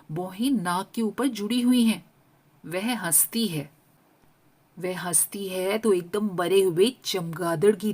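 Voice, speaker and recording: A woman narrating a story in first person as a young girl, with an expressive reading. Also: lowish voice, husky.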